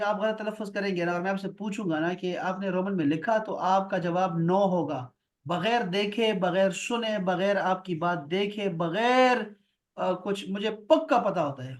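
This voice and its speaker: A man teaching an online Arabic class over a video call, patient and repeating words for drill. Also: high-pitched. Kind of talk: online grammar lesson.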